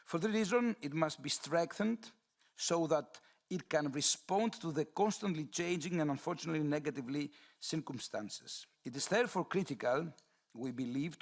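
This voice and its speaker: A man from Greece, giving a formal, measured statement to a committee. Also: a little high, gravelly. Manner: formal, measured, read-out delivery. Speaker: committee member.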